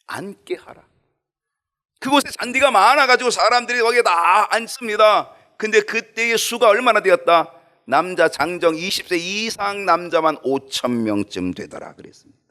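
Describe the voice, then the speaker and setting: A man preaching a Sunday sermon as pastor, with animated delivery that swings from loud to hushed. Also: high voice, normal speed. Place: church sanctuary.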